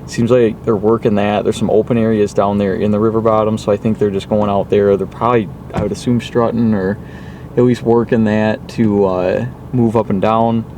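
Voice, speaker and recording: A man's voice: fairly low pitch, level tone, normal speed, warm tone, a little hiss or hum. A man giving a casual hunting vlog update to camera, recorded outdoors. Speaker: hunting vlogger. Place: outdoors at a rural hunting spot.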